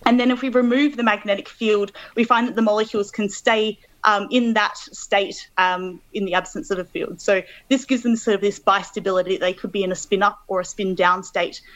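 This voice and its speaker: A woman's voice: mid-range voice, steady tone, a little fast, few pauses, low-quality recording. An Australian woman in her thirties from Adelaide, a guest scientist on a call-in interview, explaining step by step with frequent ums.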